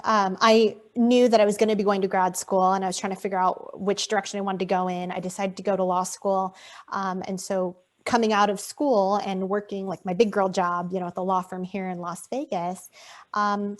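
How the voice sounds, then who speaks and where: A woman raised in Arizona speaks as a guest in an online interview over a video call. Her answers are articulate and poised, with a middle pitch.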